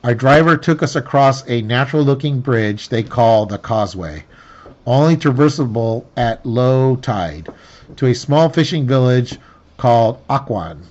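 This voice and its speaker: A man's voice: mid-range voice, lively intonation, a little slow, darkish tone. A man reading a tabletop game's story text aloud, often stumbling and correcting himself. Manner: stumbling restarts and self-corrections while reading. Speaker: player reading the scenario aloud. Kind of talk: reading game narration aloud, with slips. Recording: dull lo-fi sound.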